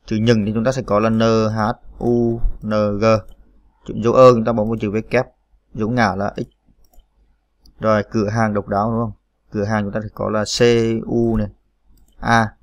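A man's voice: on the low side, level tone, moderate pace, pauses often, no echo. A man hosting a computer typing tutorial, spelling out keys letter by letter with frequent "à" fillers. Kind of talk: screen-recorded typing tutorial.

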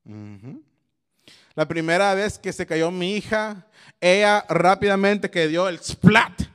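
A man's voice: sits high, lively intonation, takes it slowly, fairly bright tone, smooth. A young adult man giving a youth sermon, switching between Spanish and English and telling stories with lots of animation. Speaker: youth pastor.

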